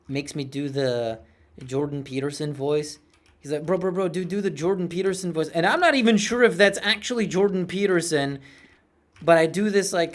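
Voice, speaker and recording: A man in his twenties chatting casually while streaming a game, rambling and self-mocking, with a cartoonish voice. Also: fairly high pitch. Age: 20s. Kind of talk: casual gameplay chat.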